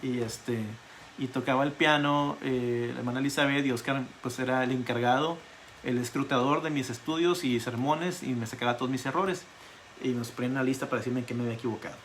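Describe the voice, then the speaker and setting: A male pastor giving an online Bible study sermon, telling stories in an animated way and repeating words for emphasis. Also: medium pitch, brisk, slight background noise. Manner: animated storytelling with emphatic repetition.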